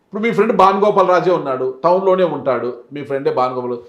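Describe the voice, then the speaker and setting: A man interviewing a politician, pressing him with rapid follow-up questions. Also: on the high side, expressive, roomy sound, muffled recording.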